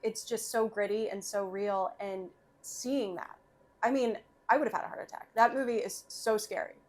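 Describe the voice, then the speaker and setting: A woman who is a guest on a podcast, chatting in a lively way and laughing often. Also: medium pitch, moderate pace. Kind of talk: casual podcast chat.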